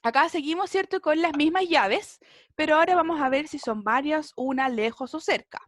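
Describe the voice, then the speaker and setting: A woman's voice: high-pitched, moderate pace, no echo, studio quality. A woman, teaching a basic English class online, explaining patiently and checking in often.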